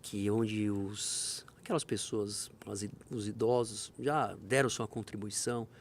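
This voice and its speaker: A man's voice: lowish voice, unhurried, slight background noise. A man who is a fire brigade major, being interviewed and telling emergency stories, acting out the dialogue vividly. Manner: animated storyteller, acts out dialogue. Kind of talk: conversational interview, storytelling.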